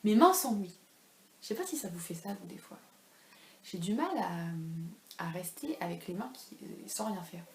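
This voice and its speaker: A woman's voice: on the low side, sing-song, normal speed, darkish tone. Woman rambling on about her knitting, lots of euh and du coup, echoey room with a little hiss. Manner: rambling, self-deprecating, many fillers. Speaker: knitting podcast host. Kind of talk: casual chat. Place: home room. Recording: echoey room with faint ambient noise.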